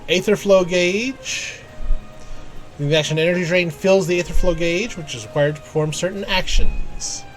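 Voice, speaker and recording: A high-voiced man narrates his own gameplay at a moderate pace while video game music plays. He's laid-back, thinking out loud in snippets and reading on-screen text as he streams.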